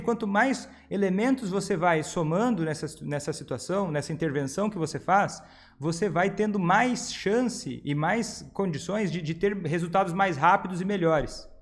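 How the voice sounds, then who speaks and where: A man, hosting and giving casual advice on viewer questions, often acting out example phrases. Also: high voice. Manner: many fillers and restarts. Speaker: host answering viewer questions.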